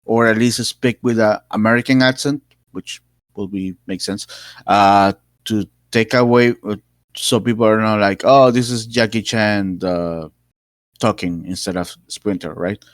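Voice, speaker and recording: Low, dry-voiced man chatting casually. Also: steady tone, measured pace, no room sound. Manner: rambling, many fillers and restarts. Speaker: podcast co-host. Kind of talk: casual chat.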